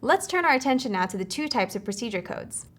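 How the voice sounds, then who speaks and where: A woman reading scripted educational narration for a course, measured and clear, slowing down to spell out acronyms. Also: a little high, expressive, soft background music.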